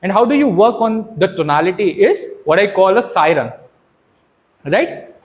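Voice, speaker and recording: A male trainer whose voice sits high talks at a normal speed while running an interactive public speaking workshop. He's lively and instructive, asking questions and checking in often.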